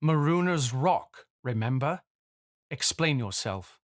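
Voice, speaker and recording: A man's voice: mid-range voice, expressive, slow. An actor playing an embittered, commanding man turned ship's captain, formal and imperious in an audio drama. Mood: accusing.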